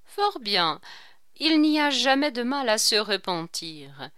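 A woman's voice: on the high side, sing-song, takes it slowly, fairly bright tone, no echo, studio quality, heavily acted. A woman reading aloud, voicing a sly, mocking male court jester who teases with ironic questions. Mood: teasing.

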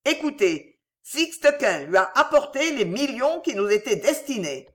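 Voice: mid-range voice, sing-song, a little slow, a bit bright, voice pushed up. A reader voicing a proud, fierce aristocratic mother who speaks in a fiery, declamatory way. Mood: fierce, urgent.

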